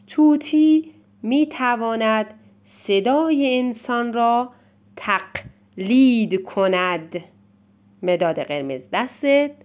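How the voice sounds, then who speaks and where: A woman teaching a spelling lesson, reading words and sentences slowly and clearly, one word at a time, for a child to write down. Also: on the high side, darkish tone. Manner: slow, clearly spaced word-by-word dictation.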